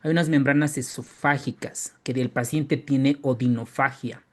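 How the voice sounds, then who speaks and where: A man's voice: medium pitch, moderate pace. Man lecturing, emphatic and repetitive. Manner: repeats key phrases, tags lines with "¿no?" and "¿ok?"; lively, emphatic rises on key terms. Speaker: medical exam-prep lecturer. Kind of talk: online medical lecture.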